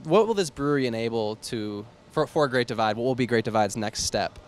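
A man's voice: medium pitch, brisk. A young man interviewing on a brewery floor with a handheld mic, asking short, probing questions. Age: young adult. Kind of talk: on-camera interview. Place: large brewery floor among steel tanks.

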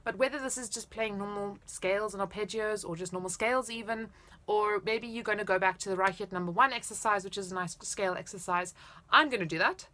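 A woman's voice: mid-range voice, a little fast, bright, forceful tone. A woman in her thirties giving casual, explanatory and encouraging music instruction to camera. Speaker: flute teacher. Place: indoors, small room at home.

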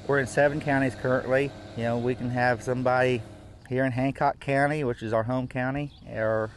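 A man's voice: mid-range voice, steady tone, brisk, a little hiss or hum. A middle-aged man, a farmer speaking practically in an on-camera interview outdoors, with fillers. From United States.

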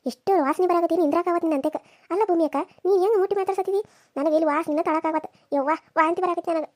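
A woman's voice: very high-pitched, rapid-fire, a little mellow, dry recording, clean studio sound. A woman voicing a spoiled, scornful young village woman in a cartoon serial, with a sneering, complaining manner. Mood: disgusted.

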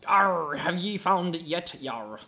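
Man doing a hammy pirate captain, slightly high voice, old sea-dog talk. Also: expressive, takes it slowly, creaky, full character voice. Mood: gruff grateful.

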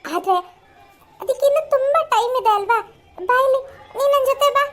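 Someone doing a motherly cartoon mom, kind but firm, high voice. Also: normal speed, a bit bright. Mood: motherly scolding. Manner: soothing, motherly. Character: middle-aged mother, kindly but firm.

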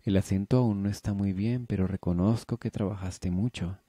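A strict but fair nun teacher, read by a man, measured and stern. The voice is low, very dark and husky. It is recorded dry. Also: fairly even intonation, no room sound. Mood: approving.

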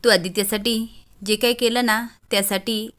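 A woman's voice: fairly high pitch, steady tone, moderate pace, fairly bright tone, faint music behind, close to an everyday voice. A woman narrator voicing a dignified, anxious mother of a wealthy household. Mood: pleading.

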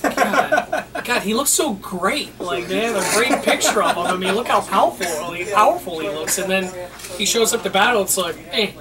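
A man's voice: high voice, expressive, normal speed, distant mic. A playful young man joking around and asking about the rules during a card game, in a game store. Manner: playful, jokey, asks rule questions. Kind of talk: casual joking chat over a card game. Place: busy tabletop game store, indoors. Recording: loud store crowd behind. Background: chatter of a crowded game store.

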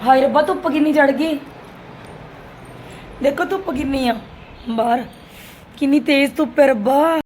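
A middle-aged woman with an Indian Punjabi accent and a sore, hoarse throat, vlogging casually in a dramatic, exclaiming way and repeating her phrases. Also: high voice, normal speed, pauses often, a little mellow, a little hiss or hum, rough recording. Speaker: family vlogger. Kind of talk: casual daily vlog.

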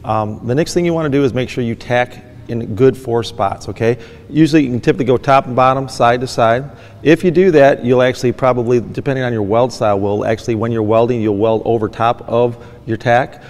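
A man's voice: medium pitch, a little fast, darkish tone. Man teaching in an echoing workshop. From Michigan. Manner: plain, practical, repeats "actually" often. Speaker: fabrication shop owner demonstrating welding. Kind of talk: instructional demonstration. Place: large indoor workshop.

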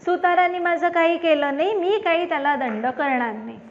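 A woman's voice: very high voice, normal speed, muffled recording, voice pushed up. A woman voicing a proud, stubborn king in a children's story, haughty and refusing.

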